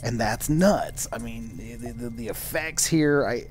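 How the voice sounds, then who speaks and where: A man's voice: medium pitch, animated, a little slow, a little hiss or hum. A man hosting a VR gaming channel with casual, playful, effusive, chatty commentary.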